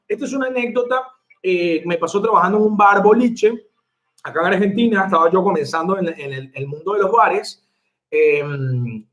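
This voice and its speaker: A man who works as a bartender, telling a story to his viewers in an animated, chatty way and laughing along. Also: sits high. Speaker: bartender and online mixology teacher. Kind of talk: casual storytelling to camera.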